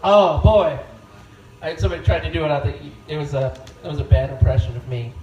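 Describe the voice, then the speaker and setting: A man doing an open-mic stand-up set with a deadpan, offhand delivery on a bar stage. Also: a little high, fast talker, highs cut off. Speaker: stand-up comedian. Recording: echoey bar room from far off.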